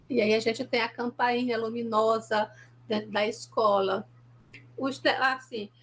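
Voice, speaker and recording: A high-voiced woman with a Brazilian Portuguese accent teaches a recorded university lesson. She is animated, with pitch that leaps up when she acts out example exchanges, then settles back into explanation. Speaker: university sign language lecturer. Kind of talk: recorded online lecture.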